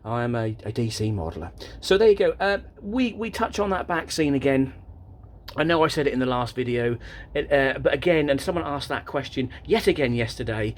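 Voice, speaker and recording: A man's voice: medium pitch, expressive, fairly quick, slight background noise. A man vlogging about his model railway layout in a chatty, rambling way, often stopping and restarting his sentences, recorded on a tripod camera indoors. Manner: rambling, chatty, self-interrupting. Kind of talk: casual show-and-tell vlog.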